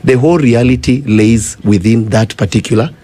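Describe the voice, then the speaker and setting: A man's voice: mid-range voice, normal speed, dark tone. A man with a Kenyan accent explaining persuasively in conversation, insistent and given to repeating himself. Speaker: guest demonstrating a tech system.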